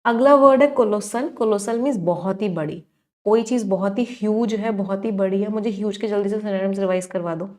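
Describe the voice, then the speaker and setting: A woman's voice: mid-range voice, fairly quick, a little mellow. Woman teacher quizzing her class. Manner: asks the class questions and answers them herself. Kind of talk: exam-prep vocabulary lesson.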